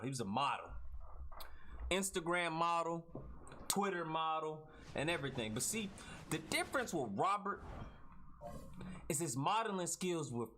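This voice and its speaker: A man with a somewhat high, bright voice narrates gameplay footage, spinning an improvised mock-epic comedy in slang, repeating lines and adding "right?" as he goes. Basketball game sounds and chatter play behind him, with slight hiss or hum.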